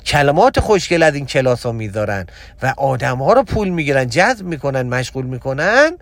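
A man giving a religious motivational talk as a spiritual teacher, hammering points with repetition and swinging between loud exhortation and a low, confiding tone. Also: sing-song, no echo.

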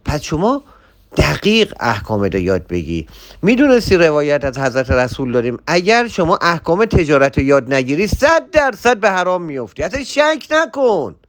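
A man's voice: on the high side, sing-song, no echo, clean studio sound. A man giving an informal religious talk, admonishing and addressing the listener directly. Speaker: religious speaker.

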